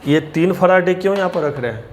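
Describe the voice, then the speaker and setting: A man teaching chemistry, explaining step by step, addressing students as children and reading English terms slowly. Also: sits high, animated, darkish tone, a little hiss or hum. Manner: reads English question lines slowly and deliberately. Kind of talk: blackboard lecture.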